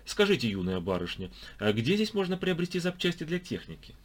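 A man's voice: a little high, big pitch swings, a little fast, pitched above the performer's own voice. A man voicing a knowing, talkative old man in an audiobook, explaining things in a folksy, chatty way. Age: older. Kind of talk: audiobook character voice.

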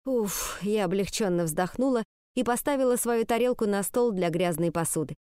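A woman narrating a story in the first person with a lively storytelling manner. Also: mid-range voice, normal speed, clear, resonant tone, dry recording, clean studio sound. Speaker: audiobook narrator. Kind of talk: audiobook reading.

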